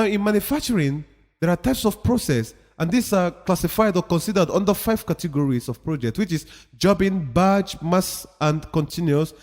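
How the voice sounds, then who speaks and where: In a hall with a long, lingering reverb, a high-voiced, slightly mellow man gives a motivational talk. His pitch swings widely as he drives his points home, and his delivery is emphatic and preachy, with phrases repeated for effect.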